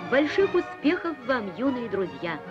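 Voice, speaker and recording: Give me a woman reading an old newsreel in a solemn, declamatory way. Her voice sits fairly high and rises and falls widely. The sound is dull and lo-fi, with music clearly underneath. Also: very animated, normal speed. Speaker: newsreel narrator. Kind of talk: scripted newsreel narration.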